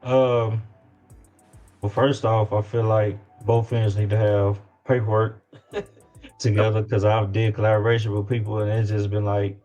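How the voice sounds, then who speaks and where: Faint music plays behind an independent music artist from Louisiana in the United States as he chats casually as an interview guest in a slangy Southern US accent, repeating himself for emphasis. His fairly low, dark voice barely moves in pitch and runs a little slow, and the sound is dull and lo-fi.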